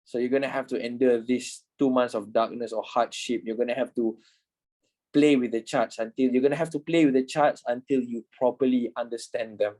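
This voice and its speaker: A man's voice: medium pitch, steady tone, fairly quick, a little mellow, low-quality recording. A man in his twenties, a trading instructor talking informally in an online class, repeating himself and swearing casually. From Malaysia. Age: 20s.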